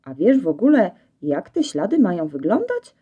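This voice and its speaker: A woman's voice: lowish voice, very animated, husky, phone-quality sound, heavily acted. A woman voicing a proud, haughty male farm dog in a storybook, talking down to others with superiority. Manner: superior, lofty and slow.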